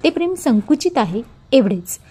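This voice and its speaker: Mellow-voiced woman storyteller. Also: high-pitched, moderate pace, slightly rough. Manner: earnest, expressive narration. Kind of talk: audiobook storytelling.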